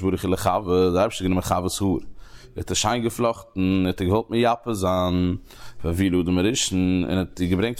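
A man teaching a Talmud lesson, explaining the text in halting phrases that he repeats and restarts. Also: on the low side.

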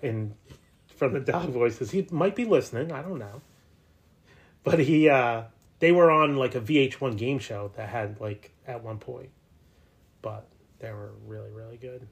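A man's voice: medium pitch, a little slow, creaky, long pauses. A man in his thirties from New Jersey, co-hosting a podcast and telling a rambling, jokey story in casual chat. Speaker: podcast co-host.

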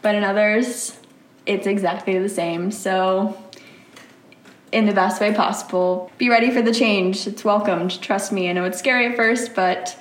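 Giggly and full of fillers, this college student from around Philadelphia is a young woman speaking casually as an interview guest. She talks at a moderate pace with a mid-range, fairly even voice, and the sound is roomy with a bit of faint noise.

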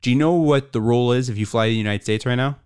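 Male co-host with a slight lisp, mid-pitched, loose rambling delivery, casual podcast talk. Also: rapid-fire, a little mellow, smooth. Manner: loose, rambling, lots of "bro" and "like". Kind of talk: casual chat.

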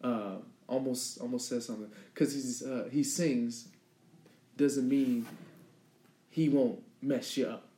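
A man's voice: medium pitch, takes it slowly, a little hiss or hum. Laid-back male podcast co-host, casual talker, medium voice, echoey room. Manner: relaxed, laid-back, reels off lists. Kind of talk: casual chat. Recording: roomy echo.

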